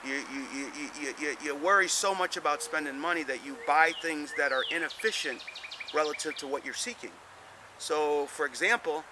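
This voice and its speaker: Hosting a business advice show, a man with a fairly high, sharp voice delivers a casual monologue to camera, rambling folksily to his listeners and often repeating words. Traffic noise from outdoors sits behind him.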